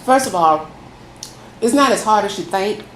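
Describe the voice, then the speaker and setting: In this chatty mukbang, a woman with a mid-range voice speaks animatedly at a moderate pace, chatting folksily to viewers over her meal and calling them y'all. She's a food vlogger, and the recording has echoey room sound plus faint background noise.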